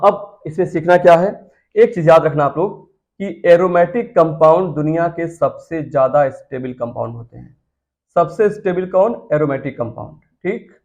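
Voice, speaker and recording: A man teaching chemistry, his voice pitched a little high for a man. He repeats key terms and keeps turning to his students with questions. The recording sounds dull and lo-fi. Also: darkish tone. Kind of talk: classroom lecture.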